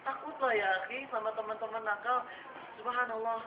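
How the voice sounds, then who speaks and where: High-voiced man preaching in an echoey room. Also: fairly even intonation, brisk. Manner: storytelling, acts out voices in the tale. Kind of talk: sermon to students. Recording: echoey room heard from far off, dull and noisy.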